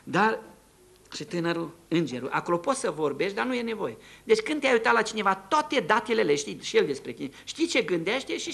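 A man preaching a testimony sermon in a church, telling his story with animated swings between hushed tones and shouts. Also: high-pitched, vocal fry, husky.

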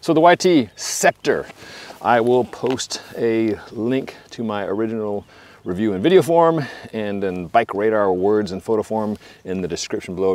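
A man in his forties reviews a bike outside near trees and trails, keeping it conversational and laced with wry comments. His voice sits on the low side and is a little mellow, in a dry recording.

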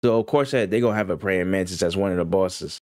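A man casually reacting to a game trailer, excited and slangy, rambling with frequent restarts. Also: sits low, quick pace, clear, resonant tone, no echo, studio quality. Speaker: gaming YouTuber reacting to a trailer.

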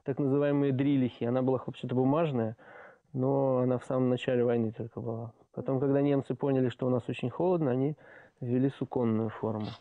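A man's voice: mid-range voice, steady tone, quick pace, dry recording. A man explaining items plainly, as a costume designer showing his stock. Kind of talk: explaining exhibits. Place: costume storeroom, indoors. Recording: narrow, phone-like, dry sound.

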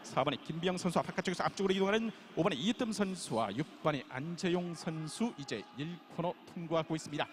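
A man's voice: on the high side, quick pace, few pauses, a little hiss or hum. A man giving live race commentary like a motorsport commentator, with an urgent delivery that builds toward the finish.

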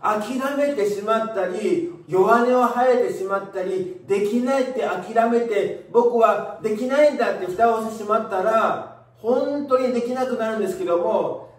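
A man's voice: sits high, moderate pace. A man hosting a motivational talk, speaking energetically and emphatically, with a lot of repetition. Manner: energetic, emphatic, repeats phrases. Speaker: motivational video host. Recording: echoey room, distant from the mic.

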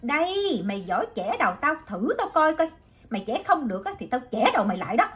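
A woman's voice: on the high side, sing-song, quick pace, fairly bright tone, soft background music. A woman voicing a hot-tempered young woman gambler who screeches insults in a storybook reading. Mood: furious.

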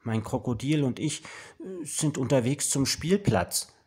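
A man's voice: mid-range voice, very animated, measured pace. A man voicing a timid small boy in a children's storybook, speaking in a raised boyish voice. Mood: shy. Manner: raised boyish voice, shy then shouting. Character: timid small boy who grows brave.

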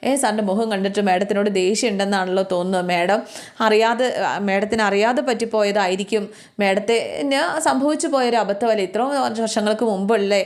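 A woman's voice: medium pitch, steady tone, a little fast, close to an everyday voice. A woman doing a meek young maid, pleading. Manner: begging, soft-spoken.

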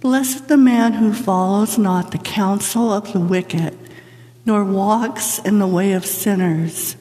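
A woman reads scripture at a lectern, slow and unhurried in a solemn, measured way. Her voice is mellow and soft-edged, and the long reverb of a big church hangs after every phrase. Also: mid-range voice. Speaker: lector. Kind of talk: liturgical scripture reading. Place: large church sanctuary. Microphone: lectern microphone from a far camera.

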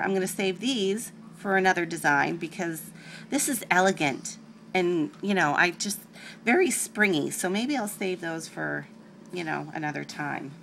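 A woman's voice: on the low side, pushed and bright, a little hiss or hum. A woman hosting a casual nail art tutorial, talking through each step with chatty, rambling asides.

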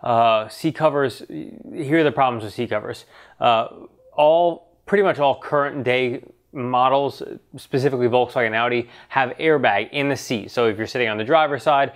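A man's voice: medium pitch, normal speed. Congested man hosting a car Q&A. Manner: loose, conversational, with frequent fillers and restarts. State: nasal from getting over a cold. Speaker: show host answering car questions. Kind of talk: casual talk-show Q&A.

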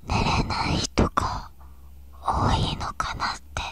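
Young woman, ASMR host. Breathy, airy whisper with crisp bright edge, unhurried and soothing, right at the ear. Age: young adult. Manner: gentle, slow, reassuring close-up murmuring. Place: small bedroom, lying on a bed. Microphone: binaural ear microphone, held right at the mouth.

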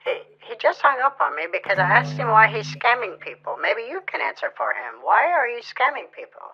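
A woman's voice: a little high, big pitch swings, fairly quick, sharp tone, breathy edge. A woman scambaiter on a prank phone call, persistently asking pointed questions.

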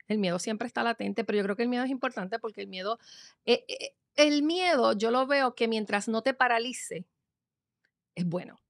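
Guest in her 50s, earnest and encouraging, slightly higher voice, dry close sound. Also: dry recording. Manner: earnest, encouraging, often laughing. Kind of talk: reflective conversation.

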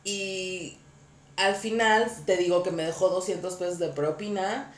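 A woman hosting a podcast, telling a story in a lively, casual way with frequent laughter. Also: on the low side, unhurried, roomy sound. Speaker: podcast host.

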